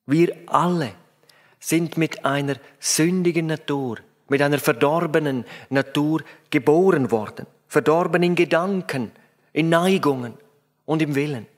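Male preacher, slow emphatic sermon delivery, slightly high voice. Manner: emphatic, addresses listeners directly.

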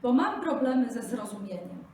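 A woman voicing a small, sly male jackal who acts stupid in a high, fussily polite voice. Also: sing-song, moderate pace, a little mellow. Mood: feigning. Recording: echoey room, distant mic, faint noise.

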